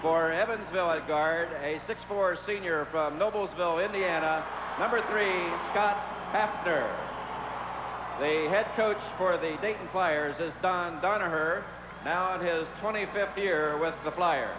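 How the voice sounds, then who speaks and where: A man working as an arena public address announcer, formally introducing lineups in a deliberate, measured delivery with drawn-out names. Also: high voice. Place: large indoor sports arena, over public address. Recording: echoey arena PA with loud noise.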